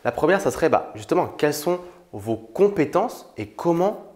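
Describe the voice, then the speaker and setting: A man's voice: a little high, big pitch swings, moderate pace, darkish tone. A young man from France talking casually to the camera as a YouTuber, informal and familiar with the viewer, with frequent fillers. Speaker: YouTuber on money and online business. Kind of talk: casual direct-to-camera talk.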